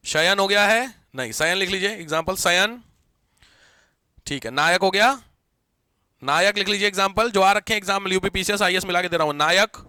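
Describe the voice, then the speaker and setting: A man's voice: sits high, no room sound, studio quality. A man teaching a live grammar class, quizzing and teasing his students as he goes. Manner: lively, teasing, questions students often.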